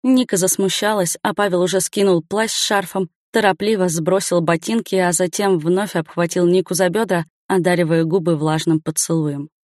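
A woman narrating a story aloud in an even, matter-of-fact reading. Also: fairly low pitch, moderate pace, hardly any pauses, no room sound, clean studio sound. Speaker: audiobook narrator. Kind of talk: scripted narration.

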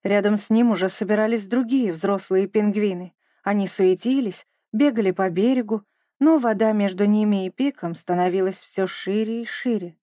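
Mellow woman reading a children's story. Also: medium pitch, moderate pace, no echo, studio quality. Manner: gentle, even storytelling. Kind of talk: scripted narration of a children's story.

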